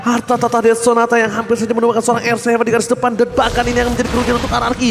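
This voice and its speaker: A very high-pitched man with an Indonesian accent calls an esports match in a fighting game announcer style. He races along excitably and dramatically, stretching key words. Music plays clearly behind him. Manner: dramatic, excitable delivery with drawn-out sung words. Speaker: esports play-by-play commentator.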